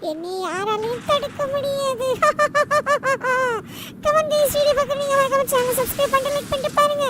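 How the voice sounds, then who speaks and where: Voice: very high-pitched, quick pace. A voice actor playing a small cartoon boy's body taken over by an evil power, boasting and threatening. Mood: boastful. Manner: boastful, threatening, shouting at others. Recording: distant voice under loud game noise.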